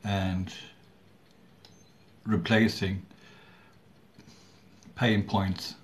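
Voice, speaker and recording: A middle-aged man from Sweden, talking casually to camera in a halting way with long pauses and throat clearing. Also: low voice, flat delivery. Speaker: vlogger. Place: small room at home indoors. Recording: clearly audible background noise.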